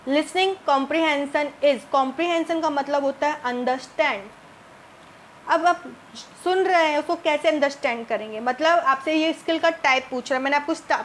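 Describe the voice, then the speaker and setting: A woman's voice: sits high, slight background noise. A woman teacher, explaining multiple-choice exam questions and asking her students rhetorical questions as she goes. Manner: reads English options slowly, then explains in Hindi with rhetorical questions. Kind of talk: exam-prep lesson walking through multiple-choice questions.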